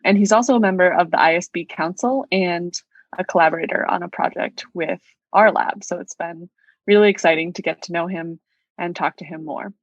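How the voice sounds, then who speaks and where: A young woman co-hosting a science podcast, relaxed and friendly as she introduces the guest. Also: lowish voice, a little fast, no echo, lo-fi sound. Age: young adult. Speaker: podcast co-host. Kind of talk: casual podcast chat.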